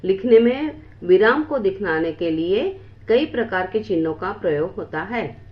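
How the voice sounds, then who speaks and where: A woman teaching a grammar lesson in a slow, measured way, pausing on examples. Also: medium pitch, animated, lo-fi sound.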